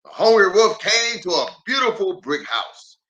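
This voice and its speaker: A man who is a pastor reading a children's story aloud in an animated, theatrical way with drawn-out emphasis. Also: high voice, highs cut off.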